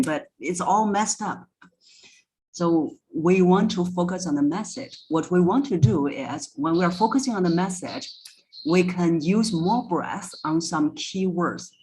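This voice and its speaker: In a rough-sounding podcast recording, a female voice coach guest teaches in a careful, instructive manner, leaning on important words. Her tone is fairly low in pitch and somewhat mellow.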